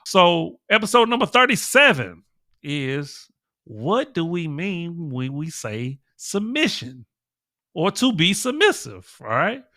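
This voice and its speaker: An American podcast host delivers a casual monologue of commentary on his own show, his nose stuffed up, constantly tacking on "right?" and "okay?". His voice is fairly high and sing-song, slow, bright and forceful, in a clean studio recording with no echo.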